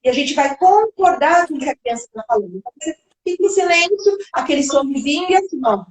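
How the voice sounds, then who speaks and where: A woman's voice: sits high, lively intonation, fast, echoey room, poor audio. A woman speech therapist giving explanatory answers in a live video-call interview, now and then acting out parents and children.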